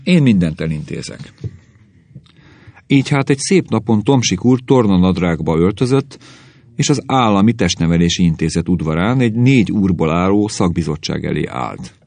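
A man reading a humorous story aloud in an audiobook narration, expressive and measured. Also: low voice, no room sound.

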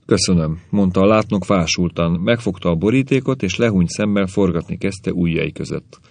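A man narrating an audiobook in a measured, wry storytelling manner. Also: deep voice, creaky, darkish tone, dry recording.

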